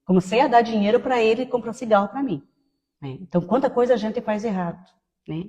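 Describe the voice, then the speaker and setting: A woman in her fifties giving a personal testimony in a conversational way, tagging many phrases with quick questions. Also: on the high side, dark tone, in a large hall, muffled recording. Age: 50s. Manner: conversational, tag questions after most phrases. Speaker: testimony speaker.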